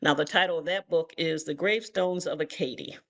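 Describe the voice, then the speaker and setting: Older woman giving a history talk over a video call, kinda gravelly, lots of ums, steady pace. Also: low-pitched. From Toledo, Ohio, US. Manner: measured, with frequent ums and uhs. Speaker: guest speaker and author. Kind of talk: online history lecture.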